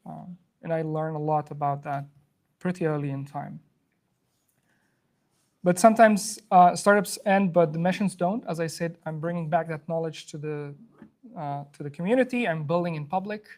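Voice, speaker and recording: A man's voice: a little high, moderate pace, darkish tone. A man from Afghanistan hosts a live coding workshop to a room, chatty and loose, with many fillers and restarts. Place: room with an in-person audience.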